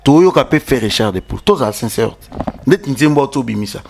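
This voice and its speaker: Guy chatting about music, lively, switches languages a lot, mid-pitched voice. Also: normal speed, gravelly, slight background noise. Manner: mixes French and Lingala, animated, repeats words. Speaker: guest commenting on music news. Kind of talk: casual interview talk.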